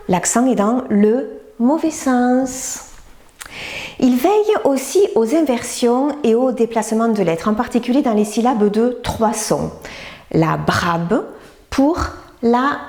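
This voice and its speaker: A woman teacher narrating a scripted lesson, speaking clearly and deliberately and breaking words into separate sounds. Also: medium pitch, dark tone, roomy sound. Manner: clear, deliberate, syllable-by-syllable demonstrations.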